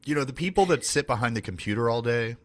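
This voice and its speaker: This team leader runs a casual training session at a fast clip, his medium-pitched voice carrying lively intonation. He rambles, often restarting sentences and filling gaps with fillers.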